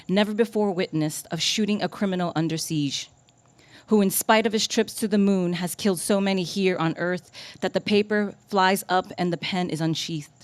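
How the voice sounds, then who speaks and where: A woman poet giving a live reading at a coffee shop. She reads her poems in a deliberate, measured way and chats casually and self-deprecatingly between them. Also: fairly low pitch, no echo.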